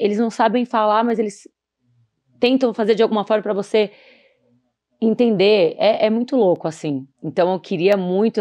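A woman, a podcast guest chatting casually in a soft-spoken, thoughtful way. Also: mid-range voice. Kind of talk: casual chat.

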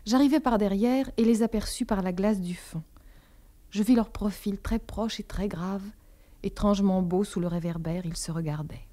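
A woman narrates a literary novel in a calm, measured reading. Her voice is warm and mellow, with a middle pitch. It is an audiobook reading.

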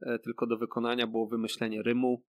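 A man's voice: medium pitch, monotone, quick pace. A man, a rapper guest on a podcast, explaining things at length in casual talk with many fillers and tag questions. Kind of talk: casual interview chat.

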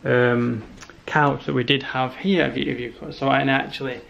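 A man in his thirties walks through the rooms of a house vlogging with a handheld camera held at arm's length, chatting casually in a rambling, matter-of-fact way. His mid-range voice is level, fairly bright, and moderately paced, though the recording is muffled and has clear background noise.

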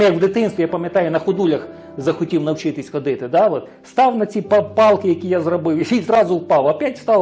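Ukrainian pastor, high voice, sermon with rhetorical questions, faint music under him. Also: male voice, darkish tone. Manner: asks the congregation questions and answers them himself; hesitant, restarts words.

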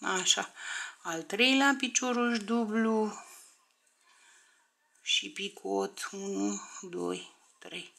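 A woman's voice: medium pitch, creaky, pauses often, pushed and bright, slight background noise. A woman teaching a crochet tutorial step by step, counting stitches aloud, often under her breath, and checking in with viewers.

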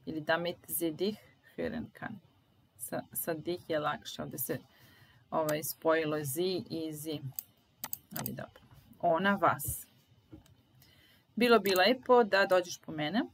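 A woman teaching a German lesson, saying sentences aloud and repeating each one slowly and carefully. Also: sits low, low-quality recording. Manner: slow, deliberate repetition of phrases.

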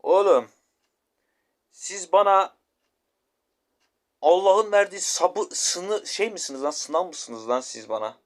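A man's voice: high voice, a bit bright. A man ranting and swearing while commenting on his mobile game match, repeating himself as he complains. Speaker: gamer. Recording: noisy gameplay recording.

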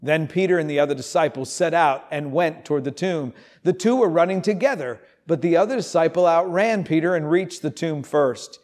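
Animated man preaching in a church. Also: a little high, moderate pace, hardly any pauses. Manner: animated, storytelling delivery. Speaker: pastor. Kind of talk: sermon with scripture reading. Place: empty church sanctuary, indoors.

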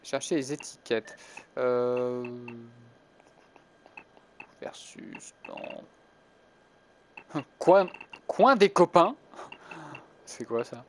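A man's voice: mid-range voice, lively intonation, very slow, creaky, pauses often, slight background noise. A young man musing through gameplay commentary as a gaming YouTuber, hesitant and chuckling to himself. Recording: music playing behind.

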